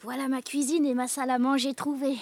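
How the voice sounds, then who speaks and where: A woman's voice: sits high, little pitch movement, brisk, darkish tone, no echo. A woman playing a stubborn orphan boy who lives alone in a tree, in a radio drama, earnest and defiant. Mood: content.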